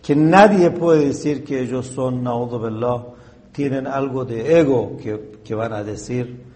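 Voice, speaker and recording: A man giving a religious talk, telling a story in a halting way with frequent fillers and throat-clearing. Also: medium pitch, a little mellow. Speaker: religious teacher.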